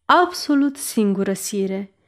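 A woman reading the lines of a dignified noblewoman who answers a king calmly, firmly and with formal politeness. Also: mid-range voice, lightly acted. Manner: calm, firm, formally polite.

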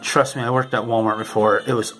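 A young man talks casually at home, rambling and restarting as he comments on records. His voice sits in a middle register. Loud record music plays behind him the whole time. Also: mid-range voice, flat delivery, rough recording. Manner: rambling, halting, with frequent restarts. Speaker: channel host. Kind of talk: casual commentary over vinyl record playback. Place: home room. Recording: music playing loudly behind the voice.

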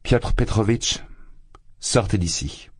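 A man with a deep, husky voice reading a proud young woman's lines in an audiobook, lifting his voice into a raised, cutting delivery. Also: expressive, slow pace, a little mellow, exaggerated voice. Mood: angry.

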